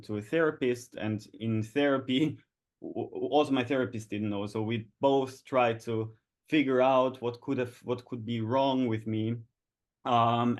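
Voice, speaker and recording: A man in his thirties from Austria, telling a personal story slowly and haltingly, with many pauses and restarts, over an online call. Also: mid-range voice. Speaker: photographer, guest. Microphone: online video call.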